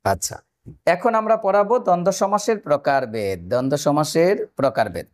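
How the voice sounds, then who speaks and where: Male tutor, fairly high voice, methodical exam-prep explainer who quizzes viewers. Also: expressive, fairly quick. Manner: explains step by step, asks the viewers questions. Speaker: teacher. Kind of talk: exam-prep grammar lesson.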